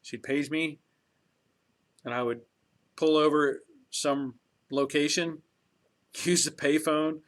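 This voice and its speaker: A man's voice: fairly high pitch, steady tone, slow, long pauses. A man in his early fifties hosting a casual livestream, chatting in a rambling, reflective way with many fillers and restarts while reading viewer comments. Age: 50s. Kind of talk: casual chat.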